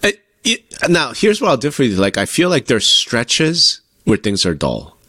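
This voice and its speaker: A man's voice: mid-range voice, huge pitch swings, normal speed, pushed and bright, slightly rough, no room sound, studio quality. A middle-aged man hosting a podcast in casual chat, with an informal, slangy, playful manner. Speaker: podcast host.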